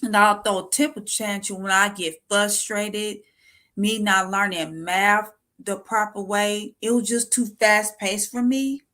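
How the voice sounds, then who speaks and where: A young woman talking about her own life in a personal vlog, halting and repeating herself, close to tears. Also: mid-range voice, fairly even intonation, sharp tone. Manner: halting, repeats words, emotional. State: near tears. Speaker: vlogger.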